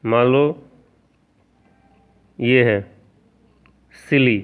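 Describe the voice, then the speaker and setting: A man's voice: medium pitch, slow, clean tone. A man teaching a grammar lesson who spells words out letter by letter and keeps asking the class rhetorical questions. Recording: tinny phone-like sound.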